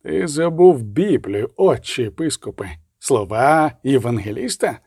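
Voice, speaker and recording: A man's voice: mid-range voice, sing-song, unhurried, darkish tone, breathy edge, no room sound, studio quality, exaggerated voice. A man voicing a sinister cold assassin. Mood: menacing. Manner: menacing, sardonic.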